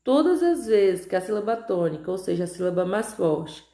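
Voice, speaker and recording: A Brazilian Portuguese woman teaching a recorded grammar lesson, drawing out example words slowly and often checking in with her students. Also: medium pitch, sing-song, vocal fry, warm tone. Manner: slow, stretched-out pronunciation of example words, frequent "tá?" checks. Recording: echoey room.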